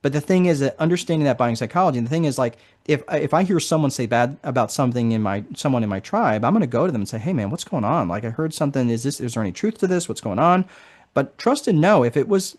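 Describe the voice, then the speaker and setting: A man's voice: medium pitch, darkish tone. A man hosting a live online course session in a casual, chatty way, often tagging sentences with "right?". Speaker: marketing strategist presenting a course.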